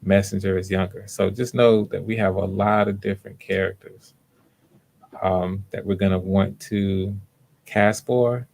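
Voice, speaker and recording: With a darkish tone, vocal fry and fairly even intonation, a man acting as host and casting director of a livestreamed audition talks casually, in a low-key, halting way with repeated words.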